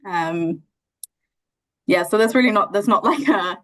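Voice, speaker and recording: Speaking at a measured pace in a medium-pitched voice, a young woman from New Zealand, an NGO founder, answers interview questions casually and thoughtfully. She has a New Zealand accent and often uses fillers and restarts.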